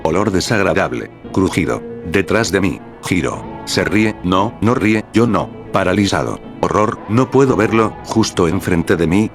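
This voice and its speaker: A computer-generated male voice narrating a horror story in terse, clipped fragments with an even synthetic delivery. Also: low-pitched. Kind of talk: text-to-speech horror story reading. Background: music.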